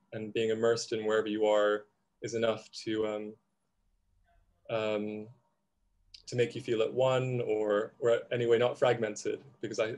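A panel speaker in his thirties, raised in Indonesia, joins a reflective conversation by video call from his home. He sounds hesitant and thoughtful, often restarting his sentences, in a fairly low, darkish voice.

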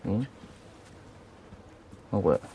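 A man giving casual, excitable commentary on a horror game he is playing, reacting loudly, joking to himself and mouthing silly sound effects. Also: extremely slow. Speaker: let's play commentator.

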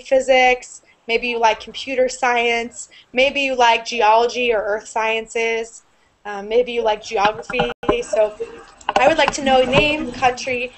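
Brief: young woman, online English teacher, bright-ish higher voice, clear and upbeat, earbud mic on a video call. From United States. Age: young adult. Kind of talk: live online class. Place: small room indoors. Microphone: earbud headset on a video call.

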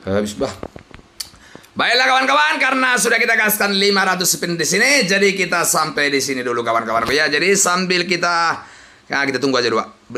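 A young man, giving loud, excited commentary on a slot game as he plays, swinging between yells and mutters. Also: sits high. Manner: loud, shouting and exclaiming, jumpy swings between yelling and muttering.

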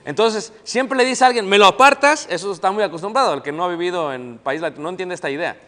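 In a church hall full of long reverb, a middle-aged man with a Mexican accent preaches quickly in a high-pitched voice. His sermon is lively: he asks the congregation questions and acts out the figures he quotes.

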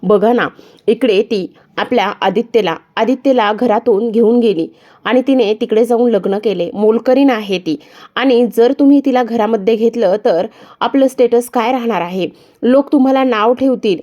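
A woman's voice: fairly high pitch, normal speed, dark tone, dull audio, close to an everyday voice. A woman reading as a haughty, scornful young woman. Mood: scornful pleading. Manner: pleading yet contemptuous, insistent.

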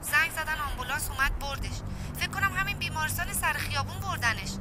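An actress playing a chatty, fretful neighbor. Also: female voice, sits high, noisy background, lightly acted. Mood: worried. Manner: chatty, talkative.

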